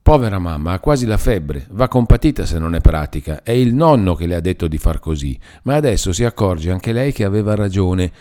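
A man's voice: low voice, animated, a little fast, few pauses, dark tone. A man doing a tearful, pleading young girl. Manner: trembling, on the edge of tears. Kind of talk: audiobook character reading.

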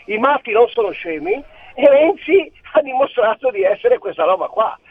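A man's voice: extremely high pitch, dry recording. A man calling in to a radio show over a landline phone, rambling through his opinions and sprinkling in Latin phrases. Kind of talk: casual call-in chat. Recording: narrow tinny phone line.

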